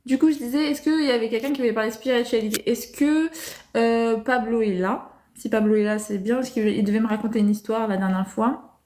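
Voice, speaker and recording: A woman hosting a casual livestream, answering viewers' comments calmly and hesitating with many fillers. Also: on the high side, fairly quick. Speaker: livestream host.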